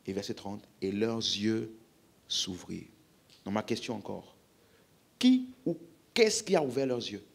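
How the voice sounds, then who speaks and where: A man preaches in French-accented speech, his husky voice rising and falling with great liveliness. He fires questions at the congregation and drives his points home with emphasis. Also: lowish voice, lively intonation, unhurried, long pauses. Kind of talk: healing-service sermon.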